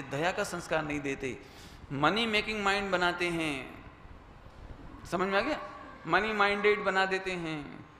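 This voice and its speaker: A man giving a Jain sermon to an audience, lively and conversational, mixing in English phrases and acting out quoted lines. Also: high-pitched. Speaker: Jain preacher. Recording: echoey hall with faint noise.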